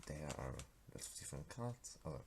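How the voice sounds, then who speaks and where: This Swiss teenager, a native Swiss German speaker with a Swiss German accent, is a game developer casually explaining his card game in a screen-recorded devlog. His very deep voice has a sing-song quality at normal speed, though he's hesitant, with plenty of fillers and restarts. Background noise can be heard.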